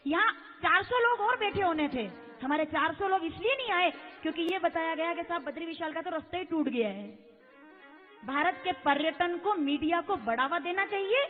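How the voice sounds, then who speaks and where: A woman preacher giving an impassioned devotional sermon to a large crowd, firing rhetorical questions at her listeners. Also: extremely high pitch. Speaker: kathavachak preacher. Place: large religious gathering. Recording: echoey hall with tinny, phone-like sound.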